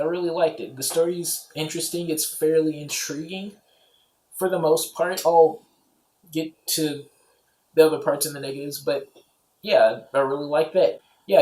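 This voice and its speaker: With a fairly high, slightly mellow voice, a man gives a rambling, offhand movie review filled with "you know" and "like." The audio comes from an echoey, roomy home recording.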